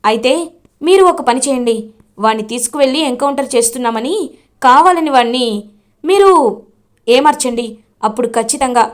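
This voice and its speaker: A stern man gives orders and demands answers, firm and direct. A woman narrator reads his lines in her own high voice. Her delivery stays plain, with little change for the role. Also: moderate pace, long pauses, natural voice. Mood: commanding. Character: stern officer husband, firm and commanding.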